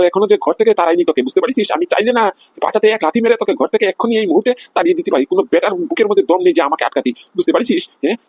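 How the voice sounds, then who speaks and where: Husky, high-voiced bully dad played by a man, fast-talking, threats spilling out. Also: no echo, lo-fi sound, full character voice. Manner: shouting threats, boastful, abusive. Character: blustering hot-tempered father, middle-aged man. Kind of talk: comedy sketch acting.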